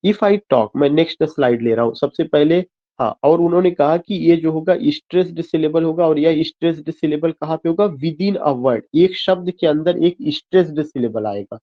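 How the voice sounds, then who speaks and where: A male teacher gives an online lecture in a slightly high voice. He spells terms out letter by letter and keeps asking the class questions he then answers himself. The sound is dull and lo-fi, like a web class. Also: normal speed. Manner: mixes Hindi and English, spells words out letter by letter.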